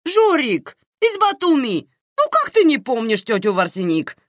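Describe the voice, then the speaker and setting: A woman reader voicing a loud, fussy, doting middle-aged aunt who exclaims and fusses over everyone. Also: lowish voice, very animated, measured pace, no echo, studio quality, pitched above the performer's own voice. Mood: effusive fussing. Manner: effusive, exclaiming, fussing.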